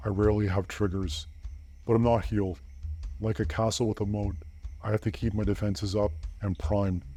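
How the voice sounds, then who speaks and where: A man speaks through a pitch shifter that drops his voice deeper and darker. His tone is mellow and low. He delivers an earnest, preachy scripted monologue over faint background music. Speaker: channel host.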